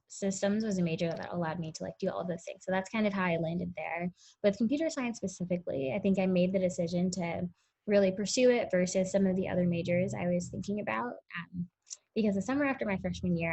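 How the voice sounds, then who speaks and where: Her fairly low voice is gravelly with a darkish tone. She's a twentysomething from Connecticut, US, appearing as an interview guest and tech startup founder, answering questions in a chatty way packed with "ums" and "likes," on muffled, lo-fi audio.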